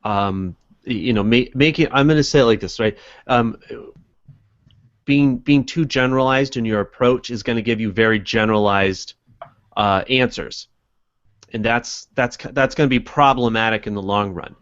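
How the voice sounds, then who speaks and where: A man guest on a live web show giving earnest advice in a halting way, with many fillers and restarts. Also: mid-range voice, a bit bright, no room sound. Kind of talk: casual advice chat. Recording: dull lo-fi web stream audio.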